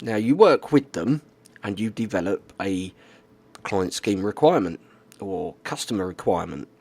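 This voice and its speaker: A man's voice: fairly low pitch, animated, moderate pace, darkish tone, husky. A man explaining things in a casual, plainspoken monologue, often checking in with "okay?" and "right". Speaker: YouTuber.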